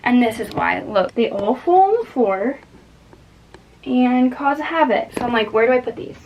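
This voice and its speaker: A woman's voice: a little high, lively intonation, normal speed, highs cut off, a little hiss or hum. A young woman chatting casually and self-deprecatingly as she cleans out her apartment closet, talking to herself and her viewers. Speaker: lifestyle vlogger. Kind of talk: casual vlog voice-over and talk while cleaning.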